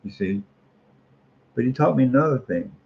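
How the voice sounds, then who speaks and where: A gravelly, medium-pitched, expressive voice belongs to a middle-aged American street artist rambling at normal speed. He speaks in a folksy, opinionated way, repeating phrases to underline them. Muffled lo-fi audio, faint noise underneath.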